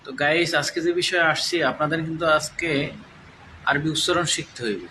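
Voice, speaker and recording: High-voiced man joking on a noisy street. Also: bright, forceful tone. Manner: joking, mock-preachy, drawn-out words. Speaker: vlogger. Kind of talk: casual comedic vlog talk. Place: outdoors while riding a bicycle.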